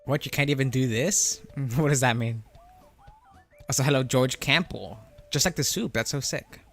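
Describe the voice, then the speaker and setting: A man speaks through a voice changer at a middling pitch, with music behind him. He talks like a livestreamer in casual gaming chat, explaining points step by step and often checking that the listener follows. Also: moderate pace, gravelly, fairly bright tone. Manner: explanatory, often checking with "right?" and "you know?". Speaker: livestreamer answering chat about a fighting game.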